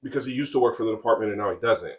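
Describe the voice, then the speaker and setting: A man co-hosting a casual podcast, talking in halting stretches with many fillers and restarts. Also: medium pitch. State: has the hiccups. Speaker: comic creator and co-host.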